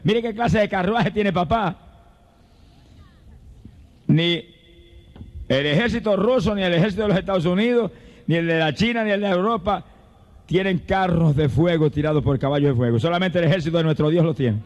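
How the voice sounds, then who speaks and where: High-voiced fervent Pentecostal preacher man. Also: normal speed, long pauses, dull audio. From Puerto Rico. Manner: fervent, swings from calm teaching to shouted praise. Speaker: evangelist preacher. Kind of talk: Pentecostal sermon. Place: church service before a congregation.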